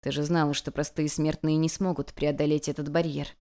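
A woman voicing an ancient male god, a weary and restrained teacher speaking softly and evenly. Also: low voice, voice pushed down. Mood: weary calm. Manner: soft, even and measured.

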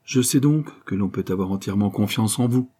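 A man's voice: lowish voice, a little fast, mellow, breathy edge. A man voicing a distraught young woman, a grieving banker's daughter, in a pleading, emphatic audiobook reading. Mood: urgent.

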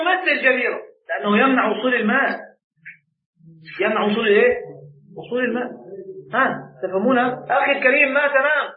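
High-voiced Egyptian sheikh teaching fast. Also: male voice. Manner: quizzes the class, repeats key words for students. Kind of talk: classroom religious law lesson. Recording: tinny phone-like sound in an echoey room.

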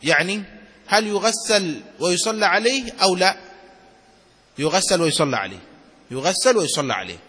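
A man's voice: high voice, animated, normal speed, pauses often, sharp tone, breathy edge. A man teaching Islamic law to a class, reading a text aloud and explaining it, often checking that his students follow. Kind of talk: classroom lecture on a fiqh text. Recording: hall reverb.

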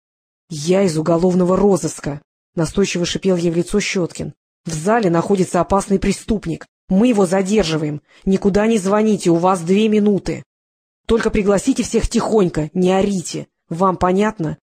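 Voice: mid-range voice, a little fast, a little mellow, husky. Reader doing a hissing urgent cop. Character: urgent male police detective, bossy.

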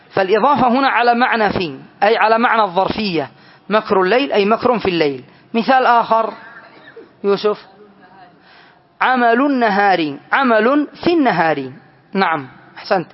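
A man with a high voice leads a grammar lesson, explaining each example slowly and testing his students with questions. The recording sounds dull and lo-fi, like an old classroom lecture tape. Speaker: teacher of Arabic grammar.

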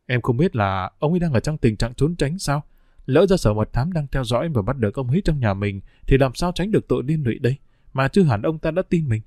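A man voicing a calm, cautious middle-aged husband who speaks steadily and reassuringly. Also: medium pitch, fairly quick, no echo, clean studio sound, close to an everyday voice.

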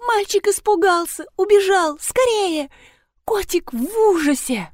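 A woman doing a shrill, frantic older cat lady. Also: normal speed, no echo, studio quality. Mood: panicked. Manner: shrill, excitable.

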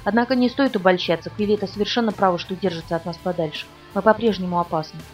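A brooding young-looking male vampire, as a woman reads him speaks with cool, guarded irony in an audiobook. He talks briskly, captured from a little way off the mic. Soft music plays faintly underneath. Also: mid-range voice, recorded from a distance, close to an everyday voice. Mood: cold. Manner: calm and guarded, with dry irony.

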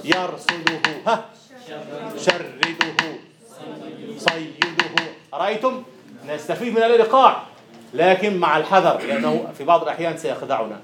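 Male lecturer, slightly high voice, drills students on meter in an echoing room. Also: expressive, normal speed, background noise. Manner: questions students and chants rhythm syllables. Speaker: university lecturer. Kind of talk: classroom lecture on poetic meter. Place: classroom. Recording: roomy classroom echo.

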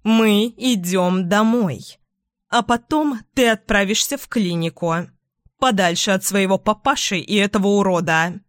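A woman voicing a furious middle-aged mother in an audiobook, shouting scornful accusations. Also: medium pitch, measured pace, no room sound, clean studio sound, natural voice. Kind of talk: audiobook character voice.

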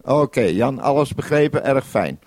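Over a two-way radio connection in a 1971 broadcast, a mainland radio programme maker walks someone through directions step by step, ending each turn with a radio procedure word. His medium-pitched voice is expressive and moderately paced, with background noise behind it.

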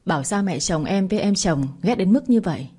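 A woman's voice: mid-range voice, expressive, a little fast, dark tone, slightly rough. A woman voicing a scheming young rival who taunts and mocks, read in a storybook telling. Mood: mocking. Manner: sneering, taunting.

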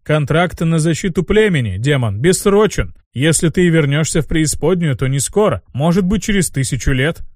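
A solemn old troll chieftain, read by a man, fawning yet wily, with ceremonious speech pitched a little high. The audiobook voice is close and dry. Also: lively intonation, moderate pace, few pauses, no echo. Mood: sober.

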